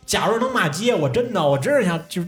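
A man's voice: sits high, lively intonation, quick pace, fairly bright tone, slightly rough, soft background music. A young man, a podcast host telling a story in casual chat, swearing and laughing often. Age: young adult.

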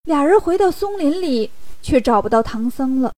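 A woman narrating a classic story for children in a lively, playful storytelling manner. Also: high voice, normal speed, no echo.

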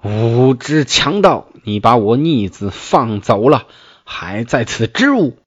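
A man voicing an old male general and furious father, shouting lines in stiff classical phrasing. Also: medium pitch, big pitch swings, slow, husky, no room sound, full character voice. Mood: scolding. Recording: dull, dry lo-fi recording.

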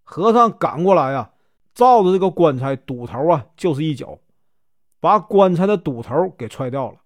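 A man's voice: a little high, lively intonation, normal speed, no room sound. A man with a Northeastern Mandarin accent narrating a folk tale in a folksy way, stretching filler syllables. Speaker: storyteller. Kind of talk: storytelling narration.

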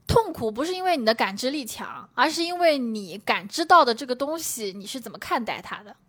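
Lively fast-talking woman co-host. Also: on the high side. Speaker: podcast co-host. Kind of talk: casual chat.

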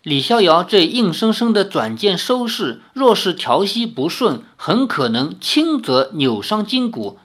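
Brief: male storyteller reading a novel, lively animated delivery. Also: on the high side. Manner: expressive, dramatic storytelling. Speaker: reader. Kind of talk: reading a martial arts novel aloud.

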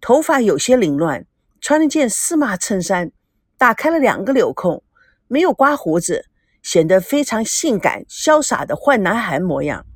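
A woman narrator reading a novel aloud as an audiobook, with an expressive delivery. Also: mid-range voice, normal speed, husky, dry recording, clean studio sound. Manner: expressive, acts out dialogue.

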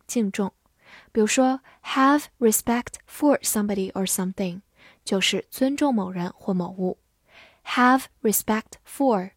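Woman, vocabulary teacher, unhurried and deliberate, slightly high voice, dry close sound. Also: a little mellow, no room sound. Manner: spells words letter by letter and reads examples slowly. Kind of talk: scripted vocabulary lesson.

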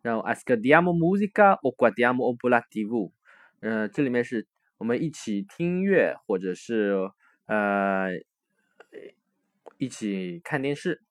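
A man teaching a recorded language lesson, explaining step by step with frequent hesitations and slowly repeating words to spell out forms. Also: medium pitch, big pitch swings, no echo, studio quality.

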